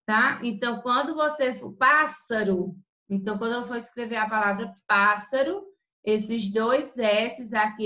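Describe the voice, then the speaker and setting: A woman teacher giving a grammar lesson, spelling out sounds slowly and then explaining quickly. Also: a little high, bright, forceful tone, roomy sound, rough recording.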